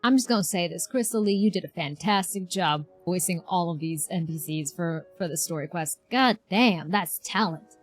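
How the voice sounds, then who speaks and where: Reacting to a quest while livestreaming a game, a woman chats effusively with viewers, full of exclamations. Her voice is fairly low and runs at a normal speed with hardly any pauses, over soft background music.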